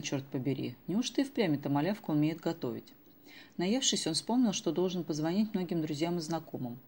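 A woman narrating an audiobook in an even, measured storytelling manner. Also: low voice.

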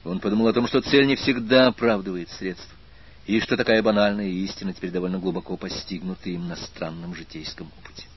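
A man narrating an audiobook in a measured, expressive reading with a husky voice. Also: low voice, highs cut off. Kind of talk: scripted narration.

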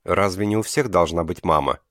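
A man voicing a blunt, soft-hearted young girl in an audiobook. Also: sits low, a little fast, dry recording, clean studio sound. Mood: earnest.

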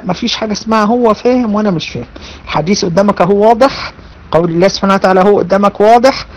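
A religion teacher with an Egyptian accent and a medium-pitched voice delivers an online lesson with emphasis, repeating phrases and addressing her students head-on. The recording sounds rough.

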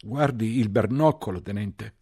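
A man's voice: very deep voice, a little fast, dark tone, breathy edge, exaggerated voice. A man voicing a resentful wounded soldier who grumbles and swears. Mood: shouting.

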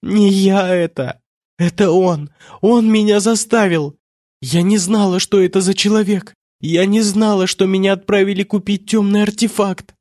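A man's voice: on the low side, drawn-out words, hardly any pauses, no echo, clean studio sound. A man voicing a grieving young noblewoman who screams accusations through sobs. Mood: hysterical sobbing.

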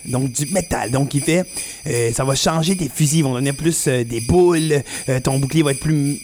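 A video game columnist with a Québécois French accent chats casually on the radio about games, explaining eagerly but hesitating often. He talks fairly quickly in a medium-pitched, darkish voice, with soft music in the background.

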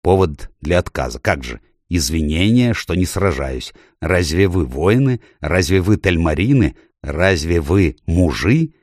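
A man's voice: low voice, sing-song, measured pace, few pauses, darkish tone, no echo, clean studio sound, full character voice. Man doing a blustering, barking usurper king. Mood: furious. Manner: barking, indignant. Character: blustering angry middle-aged usurper king.

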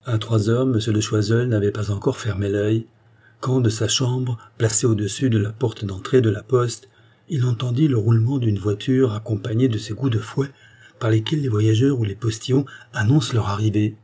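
Male audiobook narrator, measured delivery, husky low tone. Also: steady tone, warm tone. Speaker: audiobook reader.

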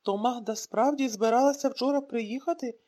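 A woman's voice: on the high side, normal speed, warm tone, natural voice. A woman reading an audiobook, voicing an anxious elderly mother asking questions on the phone. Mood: worried. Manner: worried, questioning.

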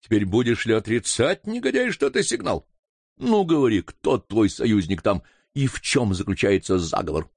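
A man's voice: on the low side, sing-song, moderate pace, slightly rough, no echo, heavily acted. A man reading an audiobook voices a stern young baronet who speaks commandingly. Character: stern young male baronet, demanding answers.

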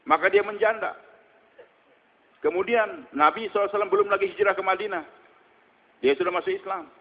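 A man delivers a sermon in a high voice, questioning his listeners and answering himself as he tells stories. His voice rings with long reverb through a large hall. The recording is dull and lo-fi. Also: fast talker. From Indonesia. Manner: storytelling, asks questions and answers them, frequent hums. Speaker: preacher.

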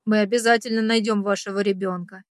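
A woman's voice: medium pitch, fairly even intonation, fast talker, dry recording, clean studio sound, lightly acted. A woman voicing a stern male security chief who speaks formally and reassuringly in an audiobook. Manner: strict formal address, reassuring.

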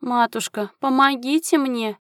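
A woman's voice: sits high, unhurried, a bit bright, smooth, no echo, clean studio sound, pitched above the performer's own voice. A woman voicing a cowardly young nobleman who mumbles and pleads. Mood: whining. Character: whiny cowardly young nobleman, injured son.

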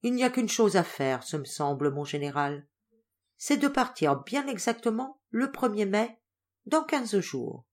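Woman voicing a steady, loyal manservant. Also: medium pitch, measured pace. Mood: calm. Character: loyal calm male servant, steward.

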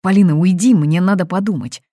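A woman's voice: fairly low pitch, a little fast, mellow, dry recording, clean studio sound, pitched above the performer's own voice, close to an everyday voice. A woman reading aloud, voicing a young man who is torn and irritated, muttering to himself. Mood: brooding. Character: young man, foreign student, torn and angry. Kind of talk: audiobook reading.

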